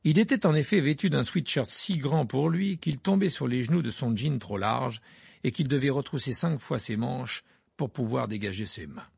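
Gravelly husky male audiobook narrator. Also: mid-range voice, lively intonation, moderate pace, a little mellow, no echo, clean studio sound. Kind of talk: scripted narration.

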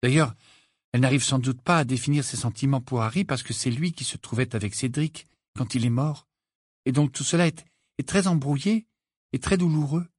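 A man voicing Hermione, a bossy, clever teenage girl who talks in a brisk, prim, lecturing way. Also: mid-range voice, no echo, clean studio sound, voice pushed up, lightly acted.

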